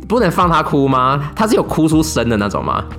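A chat host reacts to a guest's stories with frequent laughs and exclamations. The voice swings sharply up and down in pitch from a mid-level base. Faint music plays under the conversation. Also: sing-song, normal speed, a bit bright. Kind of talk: casual interview chat. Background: faint background music.

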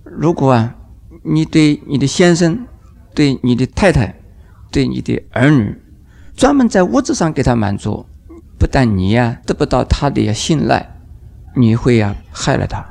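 An older man, a Buddhist master, giving a dharma lecture in an unhurried way, drawing out his phrases and briefly acting out the voices in his examples. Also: mid-range voice, expressive, vocal fry, a little mellow. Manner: unhurried, drawn-out phrases with sentence-final particles, acting out quoted voices.

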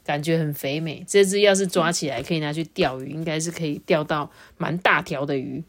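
A mother with a Taiwanese Mandarin accent, reading a children's story to her child and gently explaining it. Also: low voice, brisk. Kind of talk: read-aloud children's story.

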